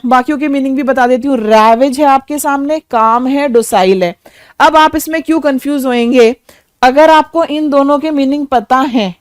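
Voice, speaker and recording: A woman's voice: high voice, no room sound, studio quality. A woman with an Indian accent teaching English vocabulary for an exam, explaining meanings and spelling words out letter by letter. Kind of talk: exam-prep lesson.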